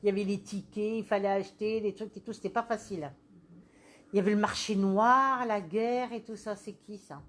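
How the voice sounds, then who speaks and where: Brisk and medium-pitched, a woman medium delivers a live reading with animated, questioning speech. She has a habit of saying the same phrases over and over.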